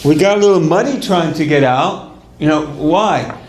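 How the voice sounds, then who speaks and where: A man's voice: fairly high pitch, moderate pace, lightly acted. A man voicing a hesitant father trapped in a hole, stammering as he answers. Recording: echoey hall, faint noise.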